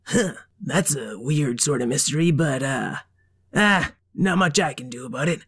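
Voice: medium pitch, expressive, normal speed, a bit bright, slightly rough. A storyteller voicing a cocky, bumbling young male police detective who is easily spooked. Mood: blustery.

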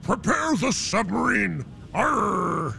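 A man voicing a gruff, boastful pirate captain who growls and barks orders in a children's educational show. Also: high-pitched, very animated, slow pace, sharp tone, slight background noise, exaggerated voice. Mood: rowdy. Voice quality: gravelly, growling "arr". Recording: music playing underneath. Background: music.

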